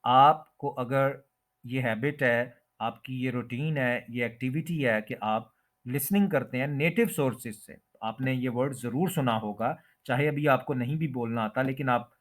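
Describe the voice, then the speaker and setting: A man teaching English word pronunciation, who repeats each word slowly and draws out the stressed syllable. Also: medium pitch. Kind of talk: pronunciation lesson explained in Hindi-Urdu.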